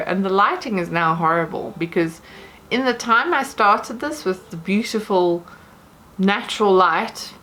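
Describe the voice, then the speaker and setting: A woman's voice: on the low side, fairly bright tone, a little hiss or hum. Chatty woman vlogging from her bedroom. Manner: chatty, rambling, self-deprecating. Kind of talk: casual chat to camera. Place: home bedroom, indoors.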